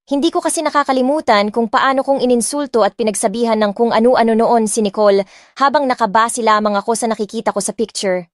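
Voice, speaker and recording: A woman with a Filipino accent narrates an audiobook, reading dramatic first-person scripted narration in a somewhat high voice. The recording is clean studio sound with no room echo, and soft music plays underneath.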